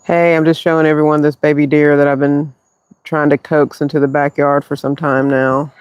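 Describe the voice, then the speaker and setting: A man quietly talking through a live stream from his backyard, speaking softly and haltingly on purpose. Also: a little high, flat delivery, clear, resonant tone, no room sound, muffled recording. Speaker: livestream host. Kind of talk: hushed live-stream chat. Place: backyard, outdoors. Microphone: phone mic.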